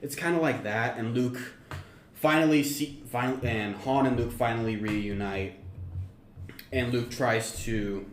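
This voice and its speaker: A man co-hosting a podcast, pitching a story idea in a meandering, self-correcting casual chat. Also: unhurried. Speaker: podcast co-host. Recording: roomy echo, faint background noise.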